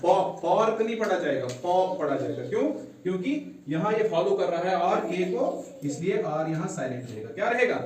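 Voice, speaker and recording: Very animated and brisk, with hardly any pauses, a male English teacher fires repeated call-and-response questions at his students during a lesson. His voice is high yet darkish in tone, and the distant mic picks up a very echoey room with faint noise.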